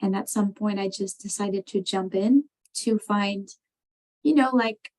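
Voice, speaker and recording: A woman from France talks through her answers on a video call. She sits at a mid pitch and pauses often, filling the gaps with "um" and "you know". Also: darkish tone, rough recording. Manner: thoughtful, many ums and you knows. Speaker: program participant.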